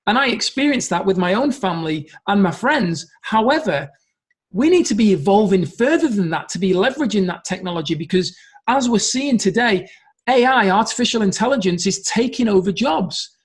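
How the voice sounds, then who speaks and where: A middle-aged man delivers a motivational business talk straight to camera, earnest and insistent. His voice sits high for a man. He circles back, repeats key phrases and restarts sentences as he pushes his point. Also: lively intonation, normal speed. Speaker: business coach.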